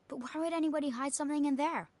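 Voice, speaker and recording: A woman's voice: high-pitched, racing, a little mellow, lightly acted. Oliver, a woman voicing an earnest boy. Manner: earnest, questioning. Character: earnest young boy hero.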